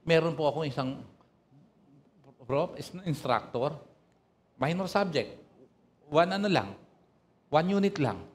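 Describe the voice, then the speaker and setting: A male pastor from the northern Philippines preaching a sermon, telling stories and calling for amens from the congregation. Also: on the high side. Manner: animated storytelling, calls for amen from the congregation.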